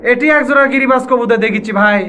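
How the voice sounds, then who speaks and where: Fast-talking man with a Bogura accent. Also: very high-pitched, fairly even intonation, pushed and bright, slight background noise. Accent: Bogura regional Bengali. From Bangladesh. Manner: rapid-fire, repetitive questioning. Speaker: vlogger at a pigeon market. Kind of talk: casual vlog interview with a seller.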